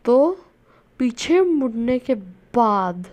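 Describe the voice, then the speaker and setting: A woman's voice: a little high, sing-song, extremely slow, darkish tone. A woman telling a story in a casual way, often stopping to search for words.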